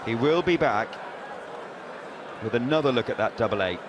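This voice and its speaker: A male darts commentator with a middling pitch analyses the play as it happens. He speaks in measured, clipped phrases, with the clear noise of a crowd behind him. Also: lively intonation, lo-fi sound. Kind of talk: live sports commentary.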